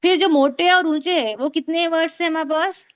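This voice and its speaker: This Quran recitation teacher, a woman with a high, light voice, holds an online class over video call, explaining points patiently and repeating sounds for drilling. She talks fairly quickly with fairly even intonation, and the sound is lo-fi.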